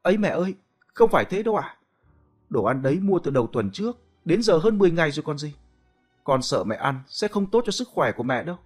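A man voicing a meek young daughter-in-law who answers in a hurried, stammering, deferential way. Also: deep voice, big pitch swings, darkish tone, breathy edge, faint music behind, voice pushed up, heavily acted. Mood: anxious.

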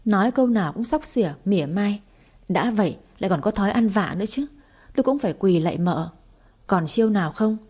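A woman reading aloud and voicing a hot-tempered young master who scolds his wife in a gruff, exasperated way. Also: medium pitch, lively intonation, a little fast, a little mellow.

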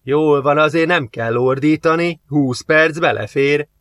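A man voicing a stubbly, mocking mechanic in an audiobook, speaking slowly and drawn out. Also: on the high side, fairly bright tone, no echo, lightly acted. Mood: grumbling. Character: stubbly teasing male mechanic.

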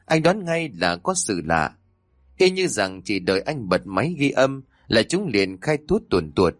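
A man's voice: fairly low pitch, big pitch swings, measured pace, no room sound. Guy reading a spooky story, voice rises and falls a lot, dry close sound. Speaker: narrator. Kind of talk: storytelling narration of a ghost story.

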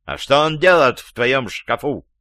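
A man's voice: mid-range voice, very animated, measured pace, fairly bright tone, no echo, studio quality. A male audiobook reader voicing a jealous, sarcastic lover who jeers and gloats. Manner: sarcastic, gloating, laughing wildly. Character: angry, sarcastic jealous lover, adult man.

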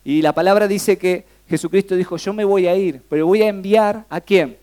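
Preaching at normal speed, a young man with a high-pitched, clean-toned voice and a Rioplatense Spanish accent keeps his sermon lively and conversational. He peppers the congregation with frequent questions.

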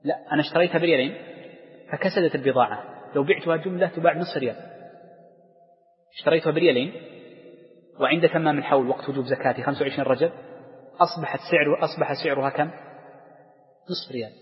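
A man's voice: on the high side, fast, long pauses. A man teaching jurisprudence to a class, explaining step by step with worked examples and questions to his students. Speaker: sheikh teaching Islamic jurisprudence. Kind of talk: lecture to students. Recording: dull lo-fi recording with long hall reverb.

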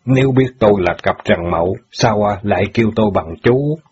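A man's voice: fairly low pitch, darkish tone, breathy edge. A man voicing a bitter, grieving middle-aged ex-bandit who pleads and rages at the wife who left him, in an audio story. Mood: reproachful. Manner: reproachful, pleading, quick to anger. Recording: dull lo-fi audio.

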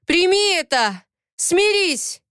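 A woman voicing a stubborn, forceful village man who speaks bluntly and shouts insistently. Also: fairly low pitch, a little slow, no echo, studio quality, close to an everyday voice. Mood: insistent shouting.

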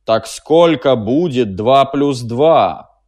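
A man voicing a stubborn, dim-witted giant female machine, speaking slowly and insistently. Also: lively intonation, a little mellow. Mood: stubborn, menacing. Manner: slow, booming, insistent.

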